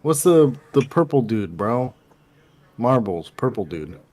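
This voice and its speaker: A man's voice: medium pitch, big pitch swings, a little slow, a little mellow. A man streaming a game and reading chat messages aloud in a loose, casual way, swearing now and then.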